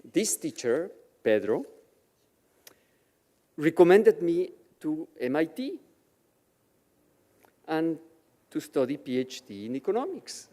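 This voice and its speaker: Speaking at a Shabbat service in a synagogue chapel, a guest from Mexico whose first language was Yiddish gives a personal testimony of his life, slow and measured. His mellow voice sits on the high side and swings widely and expressively in pitch, while the chapel adds a long reverb.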